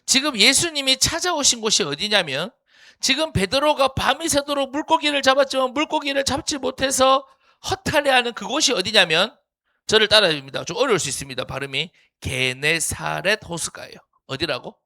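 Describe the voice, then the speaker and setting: Lively, bright-voiced youth pastor. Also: male voice, extremely high pitch, fairly quick, no room sound, clean studio sound. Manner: playful, teasing, talks directly to teens by name. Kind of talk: youth sermon.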